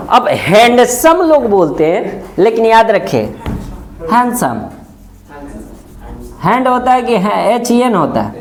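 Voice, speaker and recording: A man teaching a spoken-English lesson, who keeps asking what we will say and repeats and spells out words slowly. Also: high-pitched.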